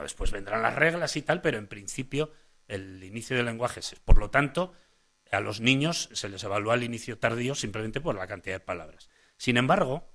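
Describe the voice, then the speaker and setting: A language psychologist gives a conference lecture on child speech to parents and professionals, in a mid-range, slightly bright voice. He often restarts phrases and tags on "eh?" while directing the audience to his slides.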